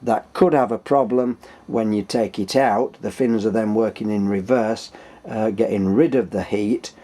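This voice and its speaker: A man with a Yorkshire accent and a slightly low-pitched voice presents a casual workshop tutorial. He talks off the cuff and hesitantly, explaining as he goes like a hobby channel host. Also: fairly even intonation, measured pace, dark tone. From Yorkshire, England.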